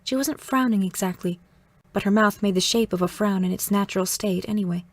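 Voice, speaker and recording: A woman reading a novel aloud in measured, vivid first-person narration. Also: mid-range voice, dry recording. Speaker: audiobook narrator.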